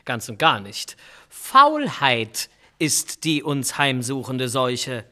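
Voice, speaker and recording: A man's voice: medium pitch, huge pitch swings, slow, bright, forceful tone, exaggerated voice. A man playing a stern Victorian economist and government adviser in a scripted history podcast, lecturing in a self-assured way. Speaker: guest expert.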